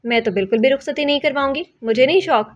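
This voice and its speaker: A touchy, easily embarrassed young woman who snaps back when teased, as a woman reading a novel aloud puts her on. The voice is a little high and sounds dull and lo-fi. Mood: pouting. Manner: irritable, flustered. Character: bashful, touchy young woman, quick to snap. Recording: dull lo-fi audio.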